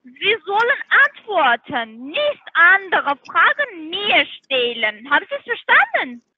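Give me a woman on a phone sales call, her voice very high and thin as it comes over a muffled, lo-fi phone line. She speaks broken German and keeps pressing the same points insistently, repeating herself. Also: sing-song, takes it slowly. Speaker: telephone trading account adviser.

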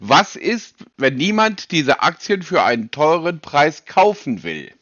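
A man's voice: fairly high pitch, big pitch swings, a little slow, a bit bright, no room sound. A man with a native German accent, questioning bluntly and pedantically as a customer on a phone call. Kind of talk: probing phone conversation. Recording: dull, lo-fi phone audio.

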